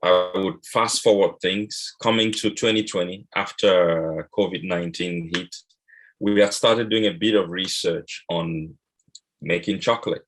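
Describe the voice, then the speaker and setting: A man from Cameroon speaking on an online panel, measured and pausing often with "uh". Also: sits low, fairly bright tone. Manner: measured, with frequent "uh" pauses. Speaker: cocoa and coffee exporter.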